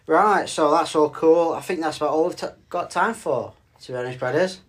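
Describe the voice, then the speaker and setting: On a casual podcast, a middle-aged male co-host chats with a playful, teasing, mock-stern manner. His voice sits on the high side and moves a little fast.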